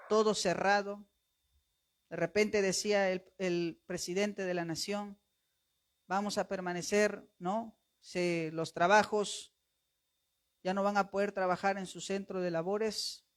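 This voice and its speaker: Man, pastor, preaching a sermon, animated storytelling, emphatic delivery. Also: high voice. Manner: animated storytelling, acts out family voices; emphatic, rising to loud calls at the close.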